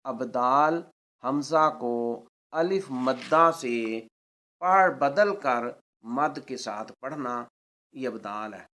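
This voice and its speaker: A man teaching Quran recitation rules, spelling out letters and vowels syllable by syllable and drawing out the Arabic words slowly. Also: medium pitch, lively intonation, bright, forceful tone. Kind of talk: tajweed lesson.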